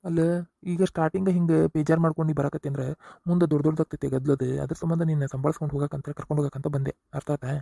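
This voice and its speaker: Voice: mid-range voice, steady tone, very fast, gravelly, mellow, dry recording, clean studio sound. A performer voicing an exasperated young husband in a cartoon comedy, with a North Karnataka accent, lecturing and scolding. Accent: North Karnataka Kannada.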